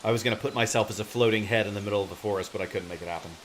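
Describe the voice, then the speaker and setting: A man's voice: lowish voice, racing. Rambling man on a noisy livestream. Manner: rambling, trails off and loses his thread. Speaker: live streamer and fiction writer. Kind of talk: casual rambling livestream chat. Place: home office. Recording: steady hiss and room noise.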